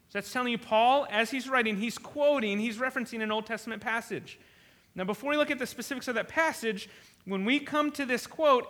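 A man's voice: extremely high pitch, sharp tone. A man preaching an expository sermon, reading scripture and emphatically restating his points. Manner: emphatic, repeats and rephrases points.

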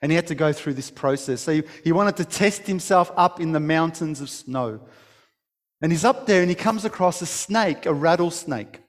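A man's voice: on the high side, animated, normal speed, long reverb tail. A man preaching a sermon, telling a story with emphasis and many restarts. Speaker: pastor.

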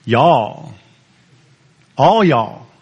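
A man's voice: a little high, sing-song, extremely slow, vocal fry, lo-fi sound, slight background noise. A male pastor preaching a sermon in a conversational way, asking the congregation questions.

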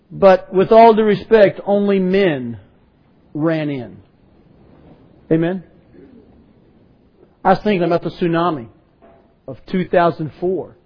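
A man's voice: sits high, breathy edge, dull audio. A man preaching a sermon to a congregation, asking rhetorical questions and prompting his listeners to respond.

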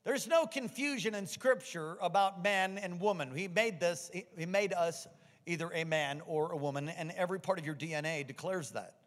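A man's voice: high voice, moderate pace, a bit bright. An American man preaching a sermon to a congregation. He reads scripture, prays, and repeats key words back as questions to the crowd. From United States. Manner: emphatic preaching, repeats lines and quizzes the congregation. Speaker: pastor. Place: church sanctuary. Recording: reverberant church hall.

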